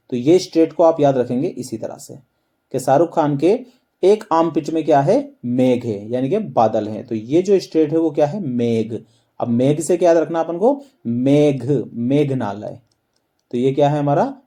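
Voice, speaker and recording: A man's voice: a little high, dark tone. Teacher man, question-and-answer style. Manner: quizzing listeners with repeated questions and answers. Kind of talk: explaining a map lesson with memory tricks.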